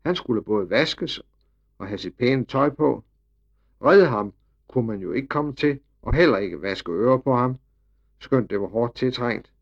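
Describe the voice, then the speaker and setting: A man narrating a children's storybook with lively, expressive storytelling. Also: mid-range voice. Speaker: audiobook narrator. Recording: slightly dull recording.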